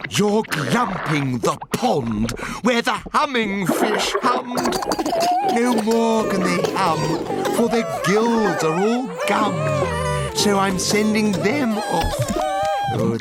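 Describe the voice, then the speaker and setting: A man's voice: sits high, voice pushed up, heavily acted. A man voicing a small, indignant creature who guards nature, scolding and lamenting theatrically in a storybook reading. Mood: mournful.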